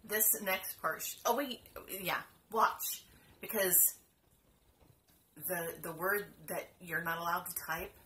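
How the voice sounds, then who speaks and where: A woman chatting casually to camera as a cross stitch vlogger at home, excitable and self-deprecating. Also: on the low side, slow pace, slight background noise. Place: home room.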